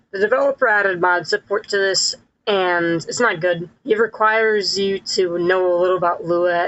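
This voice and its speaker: A streamer talking through a live gameplay session with a voice digitally pitched up like a chipmunk, rambling and correcting themselves with frequent laughs. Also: a bit bright, muffled recording. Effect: pitched-up chipmunk-like voice filter.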